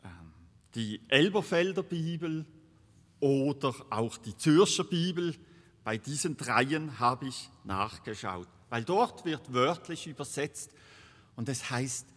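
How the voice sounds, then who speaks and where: A man preaching a sermon in a slow, deliberate way, repeating key words for emphasis. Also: mid-range voice, lively intonation. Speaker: pastor. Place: church. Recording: long reverb of a church hall.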